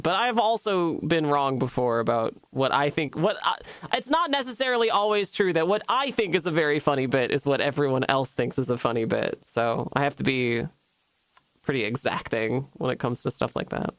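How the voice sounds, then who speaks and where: Guy streamer rambling and laughing, kinda high voice, dry close mic. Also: lively intonation, a bit bright, no echo. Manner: rambling, halting, laughs often. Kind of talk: casual stream chat.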